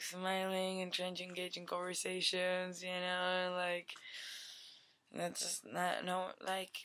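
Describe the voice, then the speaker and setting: A woman in her twenties giving a deadpan comic pitch on a webcam in a dim bedroom, rambling with lots of "like" and "you know". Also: a little hiss or hum. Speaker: vlogger. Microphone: webcam at desk.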